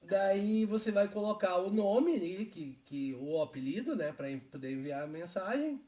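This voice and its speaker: High-pitched chatty Brazilian man host. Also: expressive, normal speed, mellow. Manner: chatty, explains step by step. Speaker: live stream host. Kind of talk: casual live stream chat.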